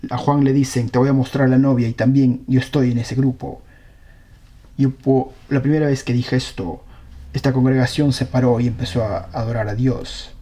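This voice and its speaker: A man's voice: medium pitch, warm tone. A man preaching a sermon, reading scripture aloud and earnestly questioning his congregation.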